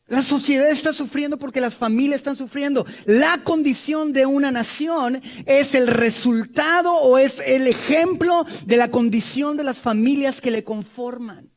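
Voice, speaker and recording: A middle-aged man with a Mexican accent preaching a sermon, lively, breaking into joking asides and acted quotes. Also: very high voice, normal speed, hardly any pauses. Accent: Mexican Spanish.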